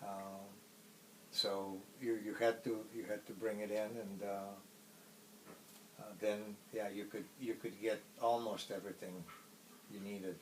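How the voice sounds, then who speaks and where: A middle-aged man from Poland with a Polish accent, a native Polish speaker, recalling his past in a casual interview in a halting way with many pauses. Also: on the low side, flat delivery, darkish tone, distant mic, a little hiss or hum, low-quality recording. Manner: halting, pausing often mid-phrase.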